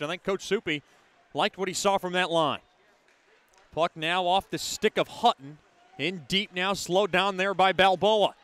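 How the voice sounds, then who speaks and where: A man's voice: sits high, bright, forceful tone, clear, resonant tone. A man giving live hockey commentary as play-by-play announcer, describing the action in short, clipped phrases.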